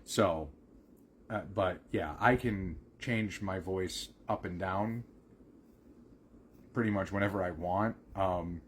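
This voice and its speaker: A man chatting casually on a live stream, rambling with many pauses and fillers. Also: deep voice, a little hiss or hum.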